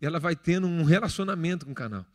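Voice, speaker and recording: Talking very fast with lively intonation and a slightly high voice, a man in his thirties preaches in a church hall. This pastor has a Brazilian Portuguese accent, jokes conversationally, and acts out everyday scenes under long church reverb.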